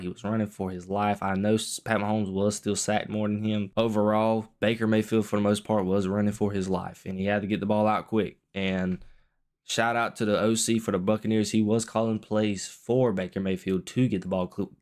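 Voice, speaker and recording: Restrained, low-pitched young man talking late at night. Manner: restrained, keeping it down late at night while others sleep. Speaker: sports vlogger. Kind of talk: casual post-game football commentary.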